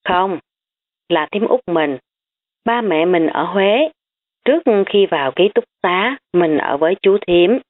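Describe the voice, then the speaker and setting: A woman doing a sharp-tongued rich schoolgirl. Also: lowish voice, animated, slow pace. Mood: defensive. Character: rich girl hiding her wealth, defensive. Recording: tinny phone-like audio.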